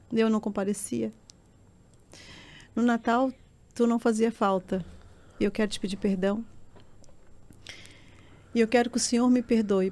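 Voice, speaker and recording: A woman's voice: mid-range voice, dark tone. A middle-aged woman, giving an earnest and emotional personal testimony as a podcast guest. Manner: earnest, emotional storytelling that swells into tearful intensity.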